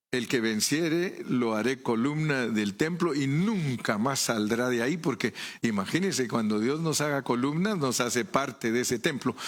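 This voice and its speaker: A man's voice: medium pitch, fairly bright tone. A man with a Guatemalan accent preaching a sermon in a conversational way, often asking the congregation rhetorical questions. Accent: Guatemalan Spanish.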